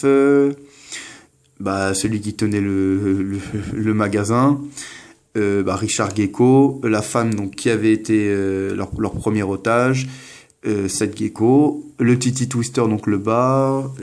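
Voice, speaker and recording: A man's voice: on the low side, darkish tone. A young man, casually narrating an unboxing at home, hesitant and full of fillers and restarts. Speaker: unboxing vlogger.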